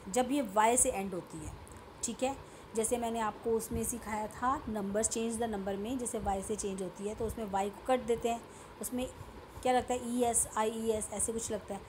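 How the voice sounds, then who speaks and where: A woman with an Indian English accent teaches a grammar lesson in a slightly high voice, moving slowly and deliberately. She mixes Hindi and English and keeps stopping to check that her students have followed. A faint background noise sits under the recording.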